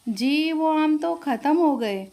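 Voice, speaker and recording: A woman plays a put-upon young wife who keeps her complaints restrained and polite in a storybook tale. The voice sits fairly high. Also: expressive, takes it slowly, mellow, full character voice. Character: patient, put-upon young sister-in-law.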